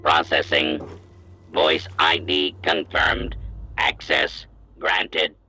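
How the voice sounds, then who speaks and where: A very deep automated bank terminal that speaks in flat, clipped computer processing announcements. Its tone is sharp and bright over a gravelly base. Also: male voice, very slow, a little hiss or hum, exaggerated voice. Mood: monotone. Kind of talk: video game dialogue.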